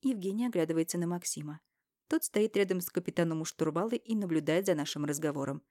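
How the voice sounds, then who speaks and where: A woman's voice: fairly low pitch, fast, dry recording. Woman reading first-person audiobook, dramatic and emotional, dry close sound. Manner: dramatic, emotional, rises to shouting in dialogue. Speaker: narrator.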